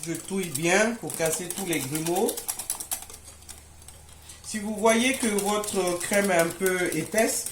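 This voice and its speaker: In an echoey kitchen with faint noise in the background, a woman runs a casual baking tutorial at home. Her lowish voice moves slowly with frequent pauses as she chats to viewers like friends and checks they're keeping up.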